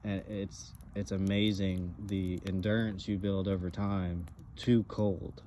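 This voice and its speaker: Man, relaxed dark tone, halting casual co-host talk, faint outdoor ambience. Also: low-pitched. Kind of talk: casual chat. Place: outdoors by a campfire. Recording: outdoor ambient background noise.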